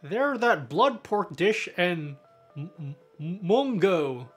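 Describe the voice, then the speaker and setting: A man hosting a live stream, chatting with his viewers in a bright, fairly high voice that rises and falls freely. He takes his time, laughs a lot and lets his sentences trail off. Faint music plays under his talk. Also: big pitch swings, drawn-out words, slightly rough. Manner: laid-back, laughs often, trails off mid-sentence. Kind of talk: casual live-stream chat answering viewers.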